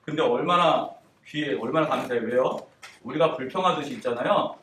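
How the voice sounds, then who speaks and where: A man's voice: medium pitch, fairly quick. A man giving a children's sermon, asking the kids questions and acting out quotes. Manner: animated, asks children questions, acts out quotes. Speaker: children's worship preacher. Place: church room. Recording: echoey room, distant mic, faint noise.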